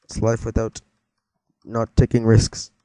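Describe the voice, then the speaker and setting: Completely flat in delivery, a teenage boy speaks at a measured pace in a lowish, dark voice while rambling casually over his gameplay. He's easily startled and jokes with those watching, and the recording is dry.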